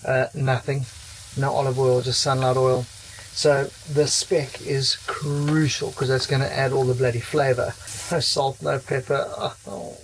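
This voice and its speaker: A man's voice: mid-range voice, little pitch movement, measured pace, a little hiss or hum. A man from South Africa with a South African accent, chatting casually and jokingly for his travel vlog at a motorhome camp. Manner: chatty, joking, self-deprecating. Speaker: travel vlogger. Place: motorhome camp beside a racetrack, outdoors.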